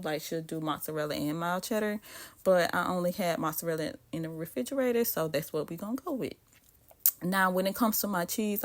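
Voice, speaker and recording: A woman from the American South with a Southern accent and a slightly low-pitched voice. She chats casually while cooking, speaking straight to her viewers with plenty of friendly asides. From Southern United States. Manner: chatty, talks straight to viewers with frequent asides. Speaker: cooking vlogger.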